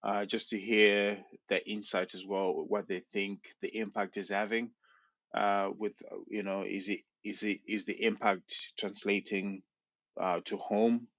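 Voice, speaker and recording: A man's voice: fairly low pitch, level tone, a little slow, a bit bright, dry recording. A young man, a researcher being interviewed on a podcast, explaining his work in a hesitant way with many restarts. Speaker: PhD researcher guest. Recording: dull, dry sound.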